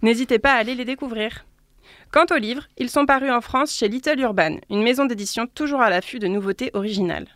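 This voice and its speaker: Woman, librarian, higher voice, clear lively presenting, dry close sound. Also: fast talker, dry recording. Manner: clear, lively storytelling delivery. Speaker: librarian presenting children's books and apps. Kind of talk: scripted presentation.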